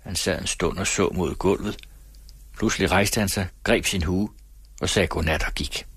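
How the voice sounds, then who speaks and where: Man, audiobook narration, measured, husky voice, dry close sound. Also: deep voice, a bit bright, no echo. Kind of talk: reading a novel aloud.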